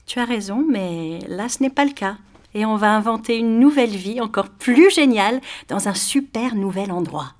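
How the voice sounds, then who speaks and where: A woman voicing a gentle, patient mother in a children's audio story, speaking in a soft, reassuring way. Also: mid-range voice, lively intonation, moderate pace, natural voice. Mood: tender reassuring.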